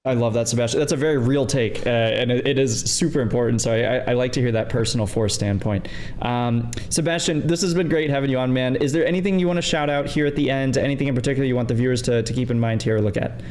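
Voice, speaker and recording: A man's voice: mid-range voice, fast talker, darkish tone. A man hosting an interview podcast, asking questions and affirming his guest in an upbeat way. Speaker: podcast host. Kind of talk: casual conversational interview.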